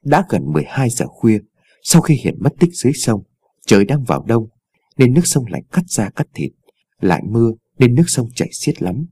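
Husky-voiced male ghost story narrator. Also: medium pitch, brisk, no room sound. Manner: dramatic, expressive reading.

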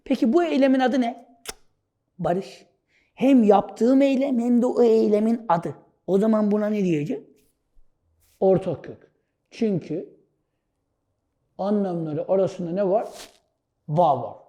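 A man teaching a Turkish exam-prep lesson, jokey and playful, calling students "brother" and shouting now and then for fun. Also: sits high, unhurried, pauses often. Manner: playful and jokey, breaks into shouts and sound effects; addresses students as "kardeş". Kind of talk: energetic video lesson solving exam questions.

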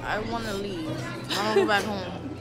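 A woman's voice: medium pitch, fairly quick, over a noisy crowd. A young woman chatting on a long coach bus ride, blunt and grumbling, swearing as she talks. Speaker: vlogger's friend. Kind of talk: casual chat. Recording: loud noise behind the voice.

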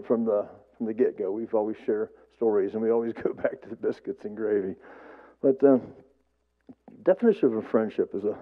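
A man giving a eulogy to an audience, telling stories in a rambling, halting way with repeated words and folksy humor. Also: medium pitch. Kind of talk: storytelling speech to a gathered audience. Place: memorial service, before an audience. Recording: tinny phone-like sound.

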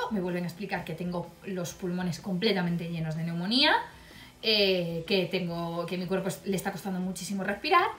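A woman tells a personal story for her vlog, bright and fairly high in voice. She talks bluntly and wryly, with no filter on her swearing. The room around her rings with echo, and faint music plays underneath. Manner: blunt, profane, wry storytelling. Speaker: vlogger.

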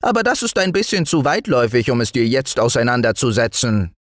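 Man voicing a forest dwarf, high thin voice, stern, scolding, very animated pitch, dry close sound. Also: brisk, no echo, natural voice. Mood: earnest. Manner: scolding, lively. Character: small gray male forest dwarf, stern but kindly. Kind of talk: storybook reading.

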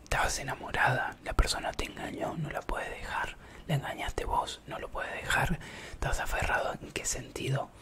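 At a moderate pace, a man with a Rioplatense Spanish accent chats with his audience in a soft whisper. As an ASMR live streamer, he keeps things rambling and playful.

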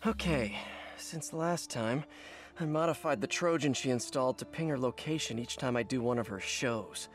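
A man's voice: medium pitch, moderate pace, close to an everyday voice. An actor voicing a quippy, self-deprecating young male superhero in a video game. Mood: wry, focused. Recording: game music behind the voice.

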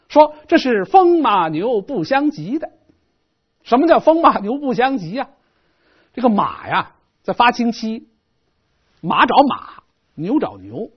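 A man giving a televised history lecture, telling the story in a lively, colloquial way with playful asides. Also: sits high, slightly rough, dull audio.

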